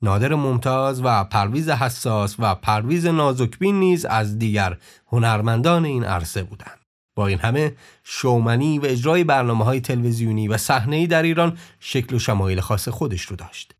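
A man narrating a documentary podcast in a measured, informative scripted tone. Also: mid-range voice, animated.

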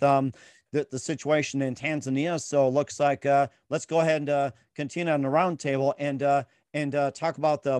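A podcast host reads a sponsor ad, then moves into interview questions peppered with fillers. His voice is mid-range, and the studio-quality recording has no echo.

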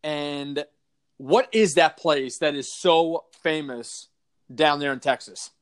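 A man with a noticeably high-pitched voice and a Long Island accent, talking in a loose, chatty podcast conversation. He jokes around and restarts his sentences as he tells stories. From Long Island, New York. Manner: chatty, jokey, quick restarts. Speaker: podcast co-host. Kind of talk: casual chat.

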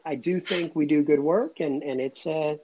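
A man's voice: fairly high pitch, normal speed, warm tone, a little hiss or hum. A man in his late thirties, a guest on an interview show, telling his story in an earnest, rambling way. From Cuba, raised near Atlanta. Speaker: guest, immigration lawyer. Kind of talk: casual interview chat. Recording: dull lo-fi audio.

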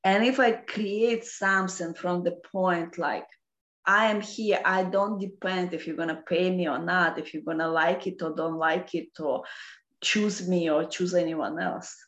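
A woman with a Russian accent explaining philosophical ideas off the cuff in halting non-native English. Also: on the low side, fairly even intonation, a bit bright. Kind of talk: unscripted philosophical explanation in conversation. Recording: roomy, echoing sound.

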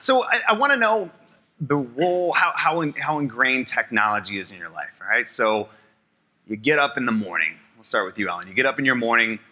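A man moderates a panel and keeps the guests talking with encouraging prompts and frequent laughter. His voice is very bright and swings widely in pitch. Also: animated, brisk.

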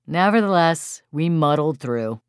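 Low-voiced woman narrating wryly. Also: animated, a little slow, smooth, no room sound, clean studio sound. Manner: wry, self-deprecating storytelling. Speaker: author and mother. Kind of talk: audiobook narration.

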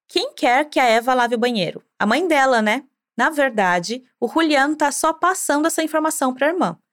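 A woman with a high voice hosts a scripted language podcast. She explains patiently and warmly prompts the listener to repeat each phrase. Her delivery is clear and steady. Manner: clear, encouraging, drilling repetition. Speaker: language teacher host.

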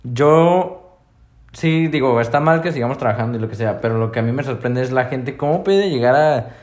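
A man's voice: medium pitch, normal speed. A young man with a Mexican Spanish accent, a store worker telling a story in casual conversation with lots of slang. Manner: animated storyteller, acts out quotes in raised voice, slangy. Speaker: store employee.

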